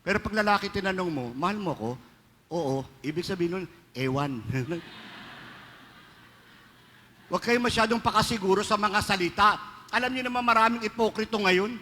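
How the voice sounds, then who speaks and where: His high, sharp voice moves fairly quickly but breaks into long pauses as this Filipino-accented priest jokes and tells stories in a homily blending Filipino and English. The large church's reverb, faint ambience and a little hiss or hum fill the recording.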